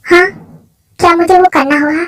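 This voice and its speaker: A woman's voice: very high-pitched, fairly even intonation, normal speed. A woman voicing an anxious, protective young man in a fan story, talking in a pleading, fretful way. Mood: worried.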